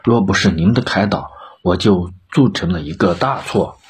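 A man's voice: deep voice, moderate pace, husky. A man voicing an impulsive, easily swayed ancient king. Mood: relenting.

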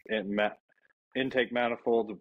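A man's voice: mid-range voice, steady tone, measured pace, narrow, tinny audio. A man with a Canadian accent, a guest on a podcast, giving short, laid-back answers. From British Columbia, Canada. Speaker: guest, metal polisher. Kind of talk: casual podcast chat.

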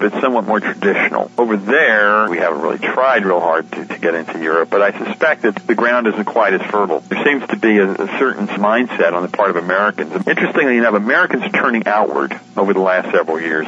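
Interviewed on radio about his work as publisher and editor of a shortwave radio guide, a man explains conversationally with informal asides. His voice sits low and a bit bright, and the line is dull and lo-fi.

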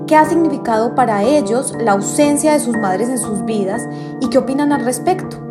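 A woman host reads a scripted introduction in a clear, measured way. Her voice sits a little high, and loud music plays beneath her. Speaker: podcast host. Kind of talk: scripted narration.

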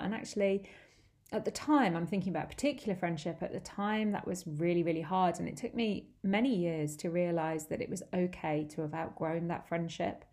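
A woman in her forties, hosting a reflective solo talk and speaking in a warm, gently encouraging way. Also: fairly low pitch. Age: 40s.

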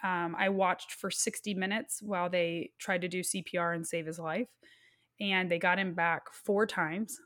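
A woman in her thirties, a guest speaking earnestly and haltingly as she recounts a personal loss. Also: lowish voice, fairly even intonation, a bit bright. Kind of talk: emotional personal storytelling.

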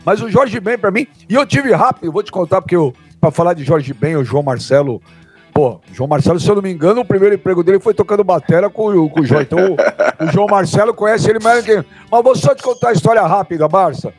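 A man in casual chat as co-host, an excitable storyteller who exclaims and repeats himself. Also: sits high, fast talker, husky, faint music behind.

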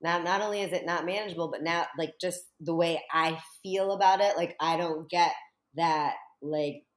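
Lower-voiced woman in an echoey room. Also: moderate pace. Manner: animated storytelling with laughs and acted-out quotes. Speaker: guest, small business owner. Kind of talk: casual conversational interview.

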